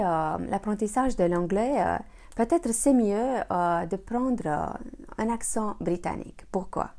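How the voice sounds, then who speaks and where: A woman gives a bilingual English lesson. Her voice is soft and mellow at an ordinary pitch. She hesitates often with fillers and says each point twice, once in each language. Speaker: English teacher.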